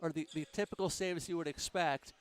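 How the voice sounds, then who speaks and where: A man calling play-by-play at a handball game in a measured, steady way. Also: fairly high pitch, a little hiss or hum. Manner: measured, calls the action. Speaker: play-by-play commentator. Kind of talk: sports play-by-play.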